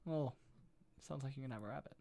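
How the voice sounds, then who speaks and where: A man's voice: medium pitch, creaky, dark tone, slight background noise. A man co-hosting a podcast, chiming in with short teasing reactions. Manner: reactive, quick interjections and teasing. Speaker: podcast co-host. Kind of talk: casual chat.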